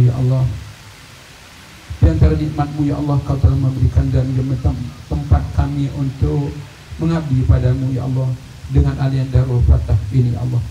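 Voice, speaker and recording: A man leading a gathering in a long, slow prayer, with many repeated appeals to God. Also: medium pitch, dark tone. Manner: slow, repetitive supplication with frequent "ya Allah". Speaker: prayer leader. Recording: echoey, distant, dull and noisy hall recording.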